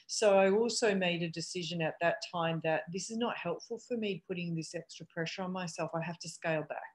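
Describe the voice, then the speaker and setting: A woman's voice: on the low side, brisk. A middle-aged woman, a treatment center owner, talking candidly and reflectively on a video call. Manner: candid and reflective, with frequent restarts and "um"s. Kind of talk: casual video call conversation.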